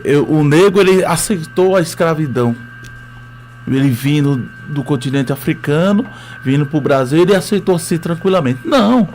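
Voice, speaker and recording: A history teacher with a Northeastern Brazilian accent tells his story as a guest on a radio interview. His voice sits fairly high and has a slightly mellow quality, and he speaks hesitantly, leaning on lots of fillers.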